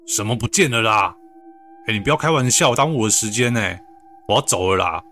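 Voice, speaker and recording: A man's voice: fairly low pitch, moderate pace, bright, forceful tone. A man voicing an older male office finance manager who talks in a blunt, grumbling way. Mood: impatient.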